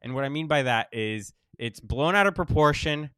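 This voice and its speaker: A man hosting a casual podcast monologue, wheezy and short of breath while recovering from illness, halting with pauses and repeated phrases. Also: a little high, lively intonation, fairly bright tone, clear, resonant tone, no room sound. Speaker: podcast host.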